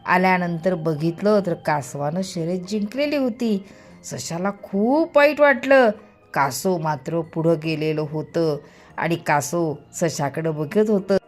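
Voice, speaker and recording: Music plays in the background as a woman expressively tells young children a story, lengthening and repeating words for emphasis. She has a fairly low voice with lively intonation and speaks a little slowly.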